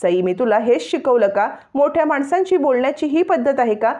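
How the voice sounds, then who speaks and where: A woman voicing a gentle young wife who coaxes and mildly corrects a little girl, reading her lines in a recap. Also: sits high, expressive, fairly quick, pitched above the performer's own voice. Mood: coaxing. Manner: coaxing, mildly firm.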